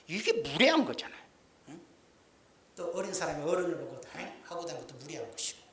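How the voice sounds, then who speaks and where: A middle-aged pastor with a fairly bright, higher-pitched voice delivers a sermon in a church sanctuary. He's folksy and joking, acting out small everyday scenes, and the sound carries the echo of the church.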